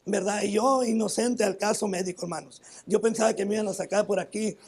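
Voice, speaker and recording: Delivering a sermon with personal testimony, a pastor with a northern Mexican accent speaks in a high, a little mellow, slightly rough voice with fairly even intonation. He often says "hermano" to the congregation and restarts his phrases haltingly.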